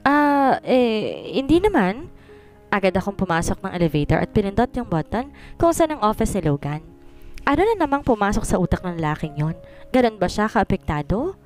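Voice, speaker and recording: A woman's voice: mid-range voice, big pitch swings, quick pace, a little mellow. A woman narrating a first-person romance story in a chatty, self-talking way, over faint background music. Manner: chatty, self-talking, mixing English into Tagalog.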